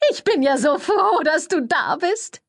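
A woman voicing a shrill, effusive female publicity agent who gushes and draws out her words. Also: big pitch swings, full character voice. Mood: gushing. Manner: effusive, shrieking, drawn-out.

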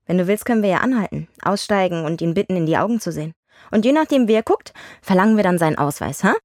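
A woman's voice: lowish voice, lively intonation, fast talker, darkish tone, no room sound, studio quality, natural voice. A woman voicing a wry police officer in dubbed film dialogue, bickering and teasing on patrol.

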